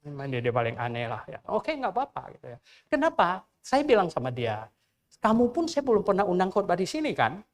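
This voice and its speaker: An older male pastor delivering a Sunday sermon in church, chatting with the congregation more than lecturing. His pitch swings widely and expressively, and he keeps tossing out rhetorical questions as he tells his stories. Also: a little fast. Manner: conversational, animated storytelling with rhetorical questions. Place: church during a Sunday service.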